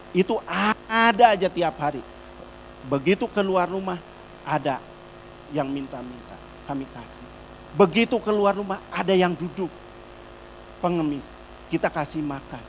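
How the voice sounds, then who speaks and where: A middle-aged man preaching a sermon in church, telling a personal testimony and speaking directly to the congregation, moving between loud emphatic peaks and soft, quiet storytelling. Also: fairly high pitch, slight background noise, poor audio. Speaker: pastor.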